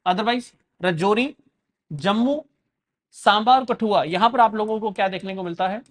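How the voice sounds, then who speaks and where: Male exam coach, high voice, chatty lecturing with English mixed in, quizzes students. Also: measured pace. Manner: addresses viewers as guys, mixes English phrases in, quizzes the class. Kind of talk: classroom geography lecture.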